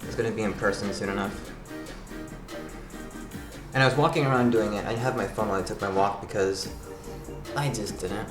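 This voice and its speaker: Calling himself grandpa in the third person, a man vlogs casually from a sparse apartment room, rambling and often restarting phrases so he repeats himself. He has a lowish voice, a moderate pace, and pauses often. Background music plays in the echoey space.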